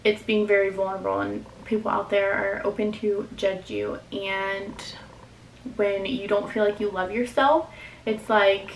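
A woman's voice: mid-range voice, little pitch movement, measured pace, gravelly, echoey room, slight background noise, low-quality recording. A woman in her twenties talks candidly to the camera in a casual vlog, filling her speech with "like" and "um". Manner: candid, confessional, filler-heavy. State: emotional, near tears. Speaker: vlogger.

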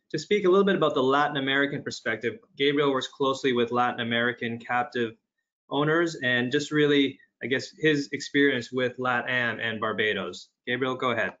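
A man moderating a webinar panel, introducing speakers briskly over a video call. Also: mid-range voice, pushed and bright. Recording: dull lo-fi call audio.

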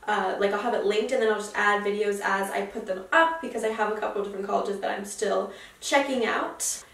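A woman's voice: a little high, fairly bright tone. A young woman vlogging in a casual, chatty way, rambling with fillers and restarts. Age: young adult. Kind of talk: casual vlog chat.

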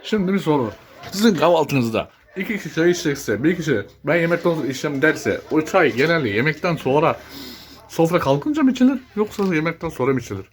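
A man's voice: fairly high pitch, sing-song, fairly quick. A man vlogging casually from a village house kitchen, chatty and teasing, often breaking into laughs. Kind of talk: casual home vlog chat.

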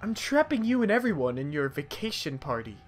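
A woman's voice: sits low, very animated, a little fast, soft background music. A woman putting on the voice of a gloating male ghost king villain for a video game, with a mock-menacing delivery.

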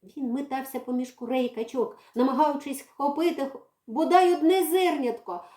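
High-voiced woman, expressive storybook reader, echoey library room. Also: normal speed. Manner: expressive, dramatic reading. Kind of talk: storybook narration.

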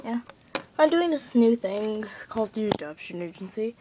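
A female speaker in a casual webcam vlog at home, chatty and excitable, filling her talk with "like". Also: mid-range voice, moderate pace, heavy background noise. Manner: chatty, many "like" fillers, excitable.

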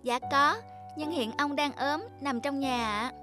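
A woman's voice: high voice, a little slow. A woman voicing a brave, polite young village girl in a cartoon, talking earnestly over children's music. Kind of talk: cartoon voice acting.

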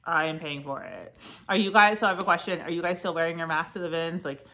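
Woman reseller, thirties, slightly low voice, stuffy nose; casual, chatty haul vlog delivery. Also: fast. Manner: chatty, frequent fillers, lively asides. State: congested, sniffly. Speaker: reseller vlogger.

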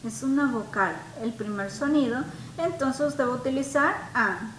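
A woman's voice: high-pitched, fairly bright tone, reverberant, a little hiss or hum, rough recording. A woman teaching an English class to Spanish speakers, patiently repeating each example word for her students. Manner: patient, repeats words slowly for learners. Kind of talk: online class explanation.

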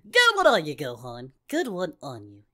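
A woman voicing Goku, a cheerful, goofy adult male martial-arts hero, in an excitable in-character reaction commentary that shouts at the screen. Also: sits low, moderate pace, exaggerated voice. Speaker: reaction video host.

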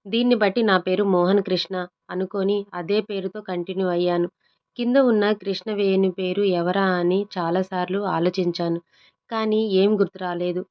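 A woman's voice: medium pitch, fairly even intonation, moderate pace, dull audio, lightly acted. A woman voicing an older father who is emotional and fond in a storybook. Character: happy older father reunited with his son.

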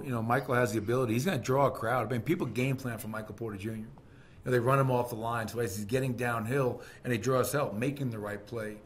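A man's voice: medium pitch, a little hiss or hum. A middle-aged man, a basketball head coach, answers reporters' questions at a post-game press conference, speaking candidly with frequent fillers and restarts. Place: team press room, seated at a table. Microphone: desk microphone on a stand.

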